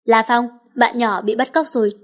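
A woman's voice: on the high side, fairly even intonation, moderate pace, lightly acted. A woman reading a stern young father. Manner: curt, commanding.

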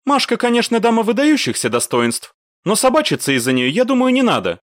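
A man voicing a brisk, commanding woman squad leader in an audiobook. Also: fairly high pitch, big pitch swings, no echo, studio quality, pitched above the performer's own voice. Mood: bossy. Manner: bossy, no-nonsense.

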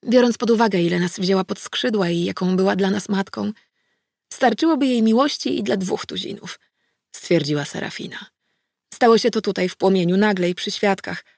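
A woman narrating an audiobook in the first person, in a steady storytelling manner. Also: mid-range voice, normal speed, vocal fry, dry recording, clean studio sound.

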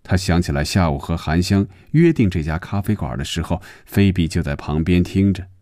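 A man with a very deep, dark, mellow voice reads a story aloud at a measured pace. His delivery is expressive and swings widely in pitch, and the sound is dry and close, as in a broadcast storybook reading. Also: no echo. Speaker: narrator.

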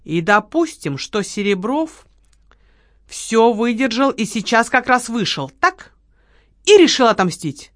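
A quick-tempered young heroine with a sarcastic, scolding bite, put on by a woman reading the book. Her voice sits higher and pushes louder than the narration, and the dry, close recording keeps every jab crisp. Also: big pitch swings, no echo. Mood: reasoning.

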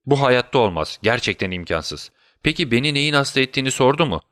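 Cunning detective playing sick, read by a man: brisk orders, then faint whispers; dry close sound. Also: mid-range voice, big pitch swings, a bit bright, dry recording. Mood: urgent, commanding. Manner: urgent commands, then feeble whispers. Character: brilliant male detective feigning deadly illness. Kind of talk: audiobook character voice.

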